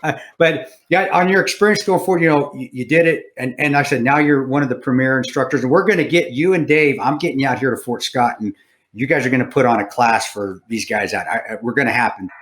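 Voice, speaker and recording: A man's voice: medium pitch, quick pace, fairly bright tone. A man hosting a casual interview podcast, telling stories in a profane, rambling way full of restarts. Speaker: podcast host.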